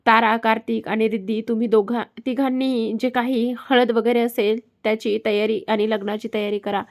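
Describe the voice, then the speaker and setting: Storybook reading: a calm, curt, commanding elder brother; a woman reads him. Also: fairly high pitch, normal speed, natural voice. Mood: stern.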